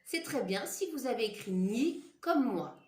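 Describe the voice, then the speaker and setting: A woman teaching young children, slowly dictating syllables and words in a classroom lesson. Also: fairly high pitch, animated, a little mellow, echoey room. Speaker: primary school teacher. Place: classroom with a board. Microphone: camera mic.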